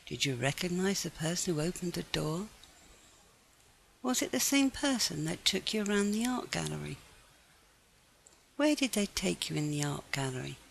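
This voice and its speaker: Speaking with a fairly low, noticeably creaky voice, a woman leads a scripted guided meditation in a sing-song, measured, gently instructive way. The audio is poor, with faint to moderate background noise underneath.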